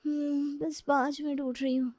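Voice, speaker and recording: A woman voicing a lazy, carefree young bride who talks in a drowsy, drawn-out voice. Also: high-pitched, little pitch movement, darkish tone, no room sound, studio quality, voice pushed up, lightly acted. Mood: sleepy, dawdling.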